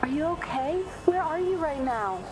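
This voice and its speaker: A woman's voice: high voice, lively intonation, moderate pace, noisy background. A woman playing a caring, worried sister on a phone call in an audio drama, concerned and urging.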